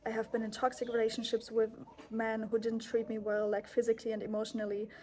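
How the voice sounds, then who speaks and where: A woman's voice: on the high side, monotone, quick pace, warm tone. A woman in her twenties from Germany, a native German speaker with a German accent, giving an earnest, heartfelt personal monologue and often correcting herself mid-sentence. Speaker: yoga teacher and vlogger.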